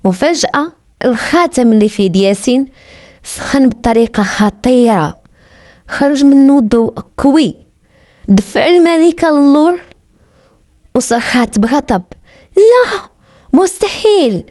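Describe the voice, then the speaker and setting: A woman's voice: high-pitched, expressive, normal speed, pauses often, a little mellow, no echo, clean studio sound. A woman with a Moroccan accent narrating a story in a dramatic, suspenseful way. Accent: Moroccan Arabic.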